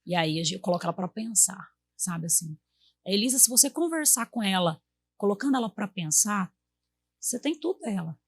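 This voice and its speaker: A woman's voice: medium pitch, animated, brisk, breathy edge. A woman in her thirties with a Brazilian Portuguese accent, a guest in a casual chat, telling stories about her children and acting out what she said to them. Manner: warm storytelling, acts out quotes to her kids.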